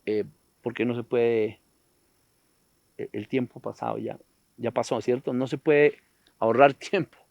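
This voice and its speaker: Man, gravelly, philosophical. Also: medium pitch, steady tone, measured pace, long pauses, darkish tone, no echo, dull audio. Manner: philosophical, digressive, rhetorical questions. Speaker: panel speaker on environment. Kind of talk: reflective panel talk.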